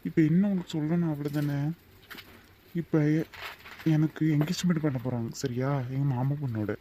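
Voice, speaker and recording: A man's voice: on the high side, moderate pace, mellow, slight background noise, close to an everyday voice. A man voicing a curt, irritable young man in a cartoon, brusque and dismissive. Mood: irritated. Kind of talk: animated cartoon voice acting.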